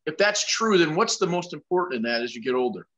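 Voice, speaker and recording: This sixty-something show host speaks fast in a fairly high, expressive, fairly bright voice during a casual interview over webcam. He asks long, winding, chatty questions, and the sound quality is dull and lo-fi.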